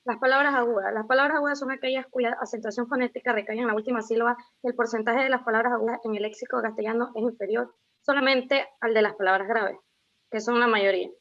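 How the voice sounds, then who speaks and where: A woman's voice: fairly even intonation, quick pace, a bit bright. A young woman from Ecuador giving a class presentation as a student, reading out rules and lists of example words with a few restarts. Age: young adult. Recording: muffled low-fidelity recording.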